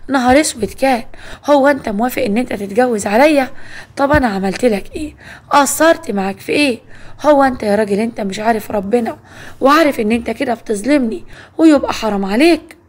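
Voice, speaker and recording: A woman's voice: fairly high pitch, fast talker, close to an everyday voice. A woman voicing a wronged young wife with an Egyptian accent who pleads and complains. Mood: hurt.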